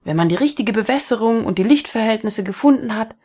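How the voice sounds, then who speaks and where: A gentle, good-humoured biology teacher from a storybook, voiced by a woman with a firm explaining tone. The voice stays soft and breathy. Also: a little high, animated, fairly quick.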